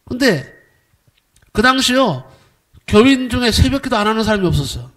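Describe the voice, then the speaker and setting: A man's voice: very high-pitched, big pitch swings, moderate pace. A middle-aged male pastor preaching a sermon, emphatic, firing rhetorical questions at the congregation and acting out quoted voices. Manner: acts out quoted voices with sudden swings in loudness.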